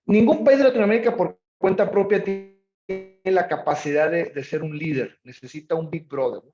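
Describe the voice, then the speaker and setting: A man's voice: a little high, normal speed, warm tone, faint music behind. A man presenting and answering questions conversationally, with rhetorical questions thrown in. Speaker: presenter, logistics expert. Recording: echoey room, slightly muffled audio.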